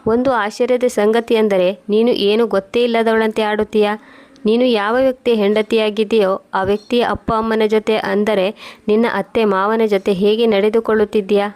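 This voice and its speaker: A stern elderly mother scolds her grown daughter, as a woman narrator reads her part. The voice stays level and even, with little rise or fall, and the delivery is plain storybook reading. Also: mid-range voice, normal speed, lightly acted. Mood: stern scolding.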